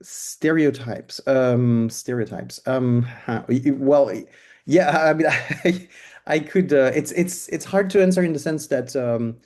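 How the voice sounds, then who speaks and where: This Frenchman, speaking with a French accent, answers casual interview questions in a medium-pitched, unhurried, slightly mellow voice. His explanations come out loose and hesitant, full of restarts and fillers.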